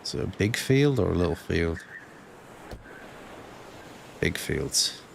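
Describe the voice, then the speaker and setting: A Scottish man gives casual commentary on a game he is playing. His voice is on the low side and gravelly, and he talks slowly, swearing and reasoning out loud as he goes. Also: big pitch swings, slight background noise. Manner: sweary, thinking aloud. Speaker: game streamer.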